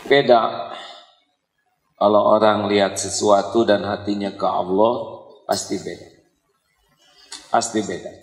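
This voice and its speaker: A man's voice: lowish voice, takes it slowly, pauses often. A middle-aged man, preaching a humorous sermon to a live audience and joking with them. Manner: lively, joking with the audience, acts out quoted voices. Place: large hall with an audience. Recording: echoey hall sound.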